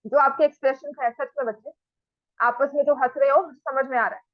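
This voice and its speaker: A woman's voice: sits high, steady tone, fairly quick, no echo, dull audio. A woman maths teacher. She mixes Hindi and English, keeps asking the class questions and scolds the students firmly. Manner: talks straight to the students, asks them questions, scolds firmly.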